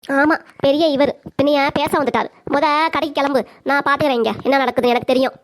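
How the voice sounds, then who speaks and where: திருநெல்வேலி வட்டார வழக்கில், கேலியும் திட்டுமாகப் பேசும் வயதான சூழ்ச்சிக்கார மாமியாராக ஒரு பெண் குரல் கொடுக்கும் cartoon. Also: female voice, high voice, fairly even intonation, fast talker, close to an everyday voice. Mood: defiant. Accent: Tirunelveli Tamil. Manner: taunting, scolding. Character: sharp-tongued scheming older mother-in-law. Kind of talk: cartoon comedy voice acting.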